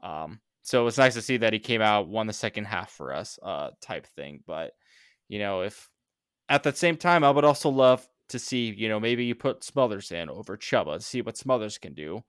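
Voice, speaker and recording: A man talks through a sports podcast in a low, resonant voice, heavy with fillers and dry sarcasm. The sound is close and dry with no room echo. He rambles casually as a regular co-host. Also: lively intonation, moderate pace, clean tone.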